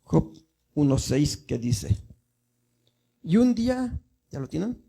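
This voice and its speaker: A man's voice: on the high side, very animated, slow, vocal fry, warm tone, husky. A male minister giving a teaching sermon, explaining step by step and often asking the congregation if they follow. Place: church.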